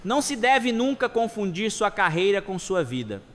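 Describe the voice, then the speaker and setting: A man reading jokes and sayings aloud in an even delivery. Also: high-pitched, normal speed. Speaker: joke teller. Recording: long hall reverb.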